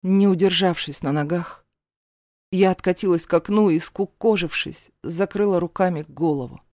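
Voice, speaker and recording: A woman narrating a novel in the first person in a steady storytelling voice. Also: fairly low pitch, normal speed, no echo, studio quality. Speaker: audiobook narrator.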